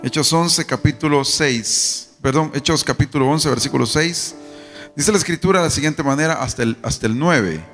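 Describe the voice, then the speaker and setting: A man preaching to a congregation with a slightly high voice, firing off questions and urging the crowd to answer back. The sound rings with a long reverb, and faint guitar music plays underneath. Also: moderate pace, a bit bright. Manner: rhetorical questions and call-and-response with the congregation. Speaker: pastor. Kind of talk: sermon. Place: church service.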